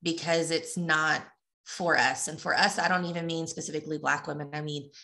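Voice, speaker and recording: Casting: middle-aged woman, bright clear voice, chatty and plain-spoken co-host. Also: sits low, steady tone, fairly quick. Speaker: podcast co-host. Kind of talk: casual chat, reading aloud.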